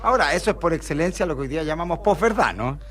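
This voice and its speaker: A man's voice: on the high side, lively intonation, fast, a bit bright. A man hosting an interview, mostly adding short agreeing remarks with only the occasional longer point. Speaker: interview host. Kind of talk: conversational interview.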